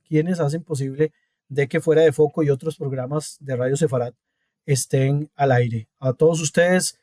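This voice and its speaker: A man with a fairly high voice gives his weekly radio commentary. He speaks in a measured way, with hesitant fillers, on a dry, close sound. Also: mellow, no echo. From Costa Rica. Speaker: radio columnist. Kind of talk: commentary column by phone.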